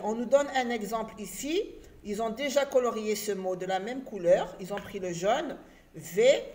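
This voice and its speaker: A woman's voice: on the high side, darkish tone. A woman teaching an early reading lesson, spelling words out letter by letter and stressing syllables.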